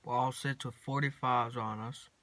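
A teenage boy, rambling casually to his phone camera from inside a parked truck, mumbling in a laid-back drawl with long pauses. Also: mid-range voice, fairly even intonation, pushed and bright, dry recording. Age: teens. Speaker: vlogger. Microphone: phone camera at arm's length.

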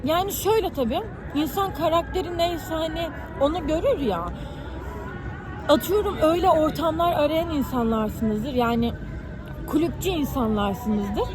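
A woman's voice: sits high, moderate pace, crowd noise. A young woman from Ankara chatting casually and talkatively, explaining things with everyday examples like a student vlogger. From Ankara, Turkey. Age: young adult. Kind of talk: casual chat over a meal. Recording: noisy urban ambience with traffic.

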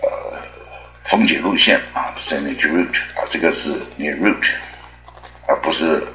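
A man teaching English pronunciation in a chatty, rambling way, with many drawn-out filler particles. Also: extremely low pitch, bright, forceful tone, reverberant, low-quality recording. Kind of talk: spoken language lesson.

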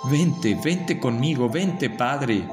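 Small sobbing boy of six, as a man puts him on, higher voice, plaintive, loud music behind. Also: lively intonation, brisk, lightly acted. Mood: pleading. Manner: plaintive, tearful pleading. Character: grieving little boy of six, pleading.

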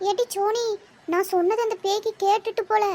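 A woman's voice: very high voice, fairly even intonation, fairly quick, a little mellow. A woman voicing a nervous but bossy young village woman in a cartoon, scolding and fretful. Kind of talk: cartoon voice acting.

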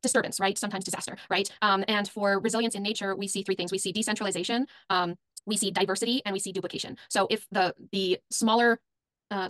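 A woman in her forties explains ideas at a quick pace, thinking aloud with frequent ums. She speaks over a laptop video call, and the sound is dry and close. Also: medium pitch, a bit bright, no echo. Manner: thoughtful, explanatory, many ums. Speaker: panelist, biomimic. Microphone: laptop webcam video call.

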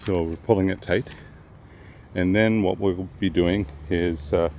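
An older man with a low, unhurried voice narrates a casual tour of his homestead project outdoors, filling his talk with ums and uhs. He's a homesteading vlogger holding the camera at arm's length, and his relaxed, hesitant delivery comes through dull, lo-fi audio with obvious wind noise.

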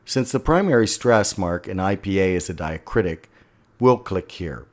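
Low-voiced man narrating a software tutorial. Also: animated, normal speed. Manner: step-by-step, instructional. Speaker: instructor.

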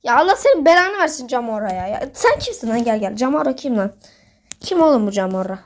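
Playing a football manager game, a woman hosting a gaming video talks casually to her viewers, growing heated and telling off the players on screen. She speaks quickly and very animatedly in a fairly high voice.

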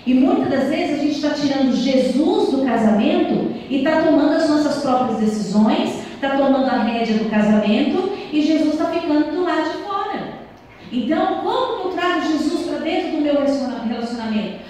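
A woman in her thirties gives an earnest church talk to married couples through a handheld mic in a small church hall. Her high voice is brisk and warm with lively intonation, captured from a far camera in an echoey hall with a little hiss or hum.

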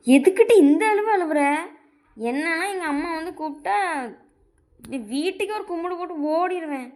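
Woman, confidante in a comedy sketch, teasing, gossipy, high-pitched. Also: moderate pace, a little mellow.

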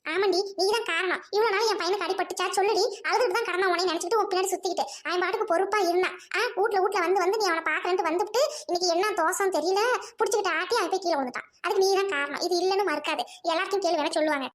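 A woman with a Trichy Tamil accent acting a shrill, nagging village mother-in-law in a comedy skit. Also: racing. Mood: scolding.

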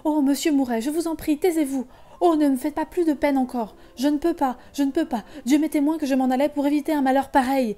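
A woman's voice: sits high, fairly even intonation, fast talker, mellow, pitched above the performer's own voice, natural voice. A woman reading as a pleading, tearful young woman. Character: grieving young woman shop clerk, pleading.

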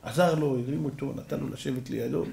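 A man's voice: medium pitch, vocal fry, dark tone. A male rabbi giving an emphatic sermon, firing rhetorical questions and acting out stories. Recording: echoey hall.

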